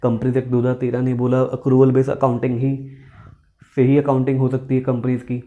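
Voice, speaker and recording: A man's voice: mid-range voice, monotone, normal speed, phone-quality sound. A man teaching accountancy in a classroom lecture style, asking questions, repeating key points and mixing with English terms. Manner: explains by asking questions and repeating points, calls students "beta"; mixes Hindi with English terms.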